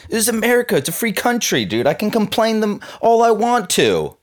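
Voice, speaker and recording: A man's voice: high-pitched, very animated, fairly quick. A man in his twenties from Southern California, rambling casually to the camera in a laid-back, slangy, cynical way, full of fillers. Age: 20s. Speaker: vlogger.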